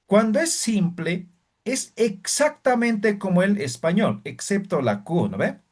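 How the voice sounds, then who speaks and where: A man's voice: high-pitched, very animated, unhurried. A man teaching a language lesson, patiently repeating sounds and checking in with his students. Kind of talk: classroom lesson.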